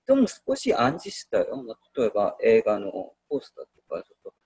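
Husky man with a lively voice. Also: on the low side, brisk, no room sound, poor audio. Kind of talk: casual film discussion.

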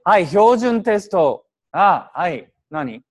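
Man, teacher, translation class, prodding questions, lively pitch, slow speech. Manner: lively, prodding questions, mixes English into Japanese. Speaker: English teacher.

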